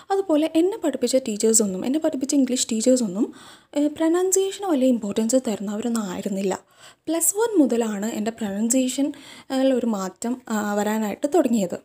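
A woman's voice: a little high, warm tone, breathy edge. A young woman with a Malayali accent, a native Malayalam speaker, hosting a casual English pronunciation lesson and asking the viewer questions. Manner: chatty, asks the viewer questions. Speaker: English teacher, channel host.

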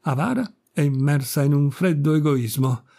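A man reading a classic story aloud as narrator, measured and unhurried. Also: a little high, vocal fry, warm tone. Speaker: audiobook narrator. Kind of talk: scripted literary narration.

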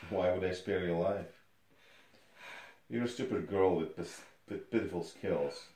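A man's voice: low voice, measured pace, mellow, recorded from a distance. A man performing a dramatic scene as a stern, contemptuous rescuer interrogating someone. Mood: cold, probing. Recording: echoey room, off microphone.

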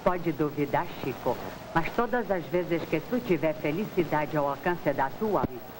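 An actress playing a solemn young fortune-teller with an ominous, portentous manner in a 1950s film melodrama. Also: female voice, low-pitched, animated, moderate pace. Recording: noisy old film soundtrack.

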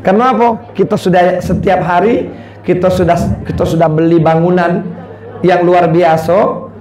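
A man with a Palembang Malay accent preaching a sermon, swinging from loud calls to low, quiet lines. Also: fairly even intonation, a little slow.

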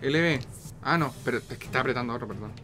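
A man with a Chilean accent giving casual, slangy, foul-mouthed and excitable commentary as he streams a video game. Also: mid-range voice, quick pace. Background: game music.

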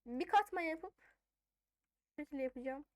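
A woman's voice: high voice, expressive, normal speed, a little mellow, no echo, clean studio sound. A woman giving casual gameplay commentary, thinking aloud in an informal way as she plays. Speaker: gaming video host.

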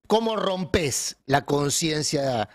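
A man with an Argentine accent arguing bluntly on a political panel, slowing down to stress points. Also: a little high, animated. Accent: Argentine Spanish. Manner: forceful, blunt, slows for emphasis.

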